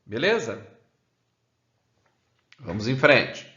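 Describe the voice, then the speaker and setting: A man with a Brazilian Portuguese accent teaches an English grammar lesson, keeps adding "né?" and says the English examples slowly. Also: mid-range voice, big pitch swings, pushed and bright. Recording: roomy, dull lo-fi sound.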